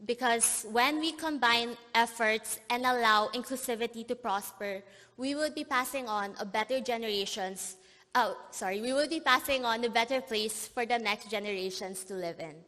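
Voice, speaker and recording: A young woman born in Korea and raised in the Philippines giving an earnest, emotional commencement speech at a podium, sometimes pausing to collect herself. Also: fairly high pitch, bright, forceful tone. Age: young adult. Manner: earnest, emotional, pausing and apologizing as she chokes up. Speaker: graduation speaker. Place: large convention plenary hall. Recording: long hall reverb.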